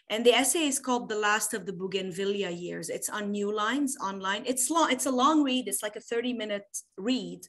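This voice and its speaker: A woman from Lebanon, a poet answering interview questions on a video call, animated and quick to laugh, thinking aloud. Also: medium pitch. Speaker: poet guest.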